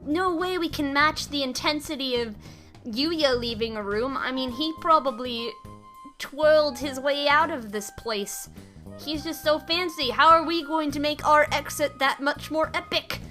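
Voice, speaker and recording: Gushing, high-voiced woman playing a game. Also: measured pace, bright, forceful tone, faint music behind. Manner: gushing, playful, theatrical. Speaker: let's play host. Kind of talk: excited game commentary.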